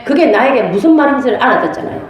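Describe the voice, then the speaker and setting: A pastor's wife teaches a church prophecy class with a fairly high, lively voice. She tells stories in an animated way and laughs often. Her voice rings through a very echoey church hall. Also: racing, lo-fi sound. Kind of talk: church lecture with storytelling. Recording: very echoey room.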